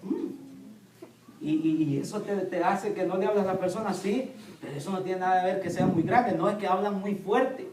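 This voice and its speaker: Male pastor, high voice, sermon-style storytelling, caught from a distance in a church. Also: moderate pace, a little hiss or hum. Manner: storytelling, quotes his children in a lively voice. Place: church hall. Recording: echoey church hall from far off.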